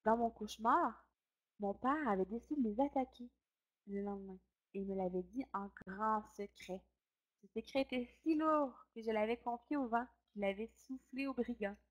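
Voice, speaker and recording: A woman storyteller reading a children's story aloud. She narrates in the first person and keeps the reading expressive. Her voice sits on the higher side. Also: moderate pace, lo-fi sound.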